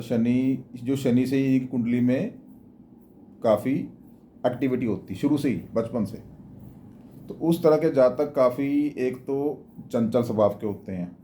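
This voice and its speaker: Man, devotional advice speaker, very warm dark tone, plain repetitive delivery, faint background noise. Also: medium pitch. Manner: plain, repetitive, advising tone with frequent restarts. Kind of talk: casual spoken explanation.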